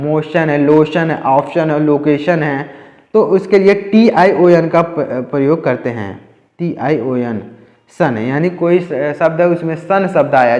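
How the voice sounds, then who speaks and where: A man teaching English spelling to beginners, slowly and repetitively spelling out words letter by letter. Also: on the high side, darkish tone, echoey room, in a large hall.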